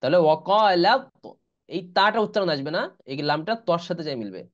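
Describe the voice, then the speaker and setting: A man teaching a Quran reading class, spelling out Arabic letters and vowel marks one by one, then reciting the joined words slowly and drawn-out. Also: fairly high pitch, very animated, a bit bright. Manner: slow drawn-out recitation of joined words between quick explanations. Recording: lo-fi online class audio.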